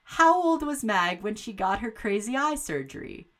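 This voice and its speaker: A woman hosting a casual watch-along podcast, recapping a film and reading out trivia questions in an animated, laughing manner. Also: medium pitch, moderate pace. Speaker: podcast host.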